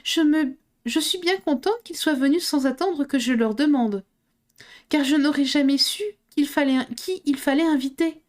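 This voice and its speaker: A woman voicing an impatient young girl who speaks in a high, insistent, exasperated way. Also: normal speed, natural voice. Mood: relieved. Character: impatient young girl, quick to get irritated.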